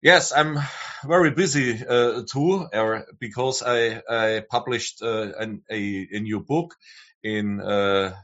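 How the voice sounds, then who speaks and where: A German man appears as a guest author, speaking English as a second language with a German accent. His voice is fairly low, slow and a bit bright, and he sounds hesitant and full of filler sounds. The remote audio is dull and lo-fi.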